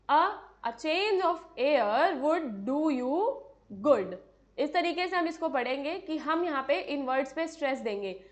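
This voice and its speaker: A woman with an Indian accent teaching an exam-prep lesson, explaining in Hindi mixed with English, asking her students questions and answering them herself. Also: sits high. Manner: explains in Hindi, mixing in English, reads English passages slowly.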